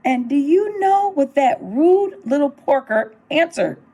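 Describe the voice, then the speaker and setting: A middle-aged school superintendent reads a children's storybook aloud, telling the tale expressively in the wolf's own words. Her voice is high and unhurried.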